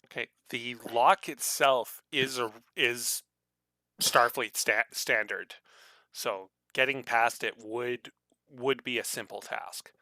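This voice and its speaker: A man runs a tabletop game as game master. His voice is bright and forceful, recorded very dry and close. His narration halts often, with many restarts and fillers. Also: mid-range voice, steady tone, no room sound. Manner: halting, full of fillers and restarts.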